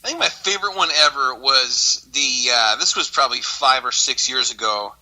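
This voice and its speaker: Bright-voiced man telling stories on a podcast. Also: mid-range voice, normal speed, poor audio. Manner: animated storyteller, acts out quotes. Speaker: podcast co-host. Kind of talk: casual chat.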